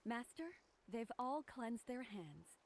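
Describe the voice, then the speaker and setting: A woman's voice: on the high side, lively intonation, takes it slowly. An actress playing a polite, deferential female servant in a martial arts game, formal and courteous. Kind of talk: scripted game voice acting.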